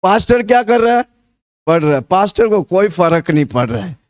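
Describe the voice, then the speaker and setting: A fervent male preacher with a notably high voice for a man, pacing his sermon through vivid repeated storytelling. He keeps urging the congregation to repeat his words back, building a rousing call-and-response. Energetic and insistent. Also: a little fast. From India. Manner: storytelling with repetition.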